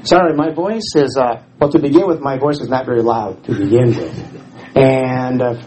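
Here the Houston guest speaker, a middle-aged former missionary, sounds warm at medium pitch and a moderate pace. His voice is scratchy, and his church-hall sermon stays casual, informal and self-deprecating, with frequent restarts.

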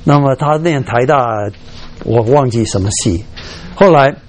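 A middle-aged man preaching a sermon, telling stories in an animated way, scattering English fillers through his speech, his voice leaping up when he acts out strong feelings. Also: unhurried, a little hiss or hum. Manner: animated storytelling, voice jumps high when acting out emotion.

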